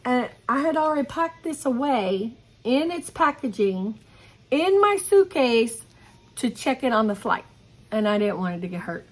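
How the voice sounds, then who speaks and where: A woman's voice: fairly high pitch, moderate pace. A middle-aged woman chatting casually about her cross-stitch haul in an enthusiastic, rambling way, recorded at home. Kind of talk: casual show-and-tell chat.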